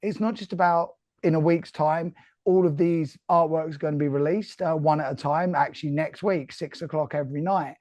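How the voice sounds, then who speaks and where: A man's voice: a little high, fairly even intonation, moderate pace, a little mellow, dry recording. A man with a Cockney accent hosting a live online interview, talking in an earnest, reflective way with many restarts. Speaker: host. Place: remote call.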